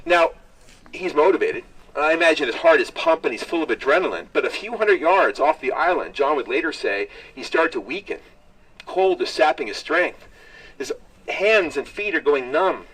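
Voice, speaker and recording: A man with a slightly high-pitched voice is picked up some way from the microphone. He speaks as a tour guide, telling a story live to a group. His delivery uses short dramatic phrases and puts questions to the listeners. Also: a bit bright. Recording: distant mic, live on-site capture.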